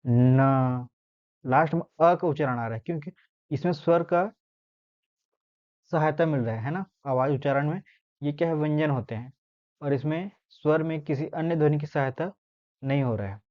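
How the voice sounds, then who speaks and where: Heard through dull, lo-fi audio, a man teaches grammar, slowly sounding out letters and explaining each step. His voice is a little high, and he often checks that his listeners are following.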